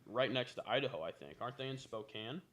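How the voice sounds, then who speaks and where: A man's voice: mid-range voice, animated, fast, a bit bright. Hedging male co-host, casual sports talk. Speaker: podcast co-host.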